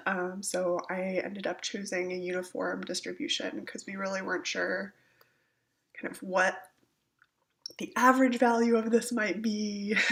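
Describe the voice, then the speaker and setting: A woman with a gravelly, mid-range voice, still getting over a cold, gives an informal step-by-step software tutorial as a screencast walkthrough. She sounds somewhat hesitant as she thinks aloud, while a computer keyboard clicks in the background.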